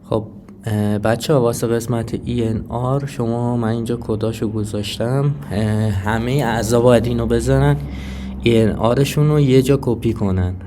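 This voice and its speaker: A man's voice: mid-range voice, fairly even intonation, background noise. Hesitant man walking viewers through a tutorial. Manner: hesitant, many filler sounds, addresses viewers directly. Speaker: crypto tutorial presenter. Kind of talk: casual screen-recorded tutorial.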